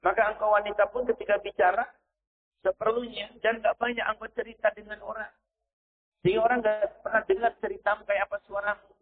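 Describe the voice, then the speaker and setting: Speaking briskly in a high voice with little pitch movement, a male preacher gives a sermon. He keeps emphasizing points with "ya" and quotes verses in Arabic. The recording is thin and phone-like.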